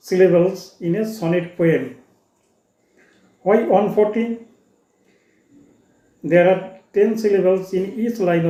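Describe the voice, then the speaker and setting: A male teacher, giving a lesson in a slow, deliberate way and switching between two languages. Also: sits high, mellow, reverberant. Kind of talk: lecture explaining a lesson.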